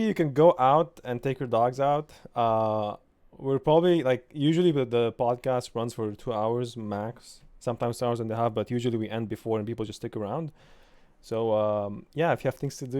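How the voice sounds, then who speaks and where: Mellow-voiced man hosting a chatty podcast. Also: medium pitch, moderate pace, smooth. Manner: relaxed, thanks donors and addresses the chat. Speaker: podcast co-host. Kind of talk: casual chat.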